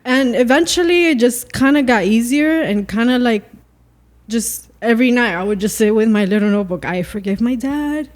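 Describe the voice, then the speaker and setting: A woman's voice: a little high, fairly quick. A young woman, a podcast guest, telling a personal faith story in casual chat, rambling with lots of "like" fillers. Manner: rambling, full of "like" fillers and acted-out quotes.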